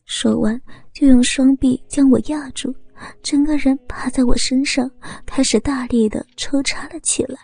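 气声很重的高音女声讲述者. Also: female voice, high-pitched, steady tone, normal speed, creaky, darkish tone, slightly rough. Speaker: narrator. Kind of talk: first-person erotic story narration.

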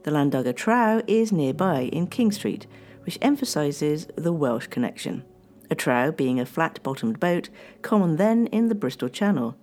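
Low, mellow-voiced woman narrating history. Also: big pitch swings, faint music behind. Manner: measured, slowing on dramatic lines. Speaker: radio presenter.

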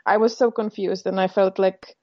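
A woman's voice: medium pitch, steady tone, normal speed, dull audio. Czech woman, hesitant guest. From Czech Republic. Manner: thoughtful, hesitant with many fillers. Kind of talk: casual podcast interview.

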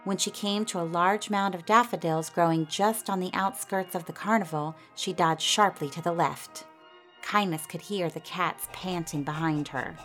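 A woman narrating a children's storybook in a steady, expressive reading voice. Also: fairly low pitch.

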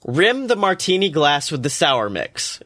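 A man's voice: fairly high pitch, very animated, unhurried, sharp tone, dry recording, clean studio sound. A man narrating a story and giving a drink recipe in a casual, joking, irreverent way, with the odd swear word.

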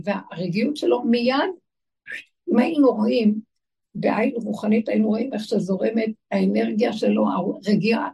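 A woman's voice: medium pitch, gravelly, dark tone, husky, far from the mic, low-quality recording. A woman giving a religious talk to a live audience. She asks her listeners questions and chants lists of single words. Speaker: spiritual teacher.

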